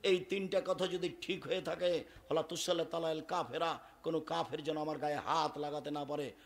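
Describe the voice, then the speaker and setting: A man preaching a waz sermon, forceful and loud at peaks with quiet asides between. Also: a little high, steady tone, normal speed, vocal fry. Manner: admits he speaks hard and loud.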